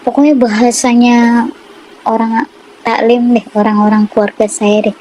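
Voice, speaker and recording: An earnest woman from tells her own faith story. Her slightly high voice moves in short, halting phrases at a slow, deliberate pace. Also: level tone, mellow, a little hiss or hum, low-quality recording. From Jakarta, Indonesia. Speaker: testimony giver. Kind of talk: personal faith testimony.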